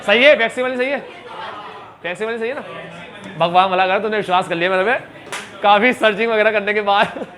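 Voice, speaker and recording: Guy teaching a class, high pitched voice, chatty and jokey. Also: fairly quick, long pauses, sharp tone, some chatter behind. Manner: chatty and joking, mixes Hindi and English. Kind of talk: classroom lecture.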